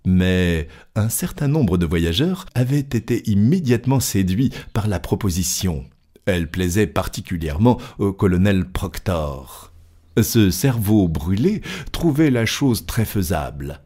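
A man narrating an audiobook of a classic novel, with measured, lightly dramatic storytelling. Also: sits low, lively intonation, mellow.

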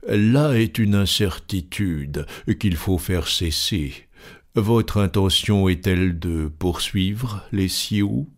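Man voicing calm cold english gentleman, deep slow measured talk, audiobook. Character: cool, resolute English gentleman. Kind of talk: audiobook reading.

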